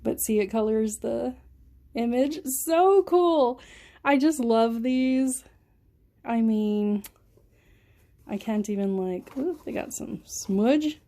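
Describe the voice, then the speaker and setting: A young woman vlogging as she unboxes shoes, gushing and giggly, breathless with excitement. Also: fairly high pitch, slow, pauses often. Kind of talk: casual unboxing vlog.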